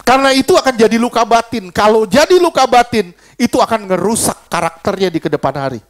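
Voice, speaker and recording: A man's voice: sits high, quick pace. A middle-aged man preaching an informal deliverance sermon. He tells stories and keeps firing questions at his congregation. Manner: animated, fires rhetorical questions at the congregation; switches between preaching and storytelling.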